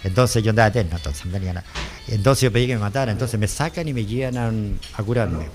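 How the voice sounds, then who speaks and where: A man's voice: lowish voice, quick pace, a little hiss or hum. An older man with a Chilean accent giving a rambling personal testimony, often repeating himself and quoting what others said. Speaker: interviewee, former driver.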